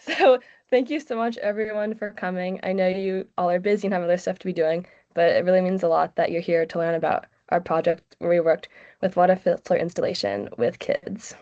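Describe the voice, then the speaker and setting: Speaking fairly quickly in a warm, lowish voice, a teenage girl of sixteen from the US presents to her class online. It's casual and loaded with "like," and the video call audio comes through muffled and lo-fi.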